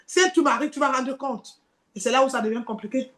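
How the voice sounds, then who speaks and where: High-voiced woman preaching a dramatic sermon. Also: steady tone, fairly quick, echoey room. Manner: dramatic, acts out tempting voices in dialogue.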